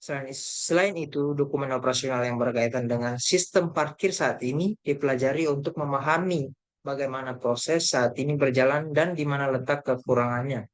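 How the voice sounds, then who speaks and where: A young man, a university student, presenting a group report by reading his slides aloud, with halting delivery, restarts and fillers. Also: medium pitch. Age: young adult. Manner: reads haltingly, with self-corrections and fillers.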